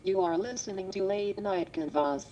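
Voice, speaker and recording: A synthetic female text-to-speech voice, a computer robot voice reading a station ident in a flat, evenly spaced way. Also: mid-range voice, moderate pace, a little hiss or hum. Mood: robotic. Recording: dull lo-fi computer speaker played into the mic.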